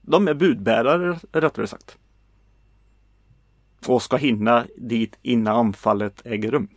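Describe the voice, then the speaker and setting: A man from Sweden in casual film chat on a podcast, relaxed and hesitant, with many fillers. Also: medium pitch, dry recording, clean studio sound. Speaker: podcast co-host.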